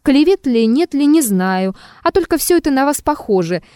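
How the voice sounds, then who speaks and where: A woman's voice: fairly high pitch, expressive, normal speed, a little mellow, no echo, clean studio sound, lightly acted. A woman voicing an insolent, mocking male blackmailer in an audiobook, talking rudely and with a sneer. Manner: sneering and rude.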